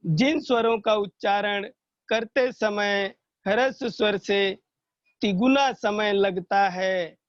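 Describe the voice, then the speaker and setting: A man with a fairly high voice teaches children grammar in an online lesson, explaining patiently and stretching out the sounds he demonstrates. The recording is dry and dull, with little high end. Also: dry recording. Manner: slow, patient explaining, drawing out sounds as examples.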